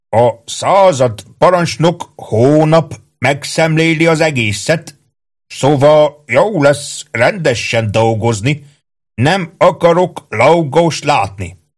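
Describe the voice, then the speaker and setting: A man's voice: a little high, pitched above the performer's own voice. A man voicing a bossy, suspicious army sergeant who bellows orders in rustic, slurred speech. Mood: commanding.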